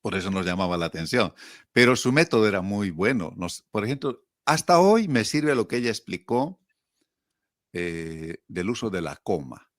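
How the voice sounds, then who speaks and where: A man's voice: fairly low pitch, normal speed, no echo, studio quality. A middle-aged man with a Bolivian accent, reminiscing casually as an interview guest and telling his stories with quotes and rhetorical questions. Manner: animated storyteller, acting out quotes and asking himself rhetorical questions.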